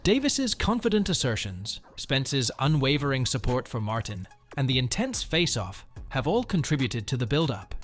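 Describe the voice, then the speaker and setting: Male narrator, mid-pitched, reading scripted sports news over faint music. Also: sing-song, normal speed, few pauses.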